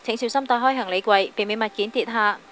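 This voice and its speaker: Casting: woman as airline announcer, fast, formal scripted safety read, a touch high. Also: a bit bright, a little hiss or hum. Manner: formal, fluent.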